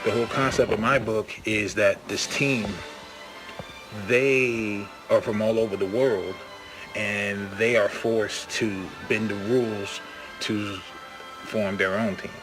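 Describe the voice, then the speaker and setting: A man with a fairly low voice speaks casually and eagerly about his own comic book. His delivery is easygoing and loose, full of fillers. Music plays clearly under his voice. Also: fairly even intonation, slow pace. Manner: easygoing, filler-heavy, enthusiastic. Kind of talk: casual pitch to camera.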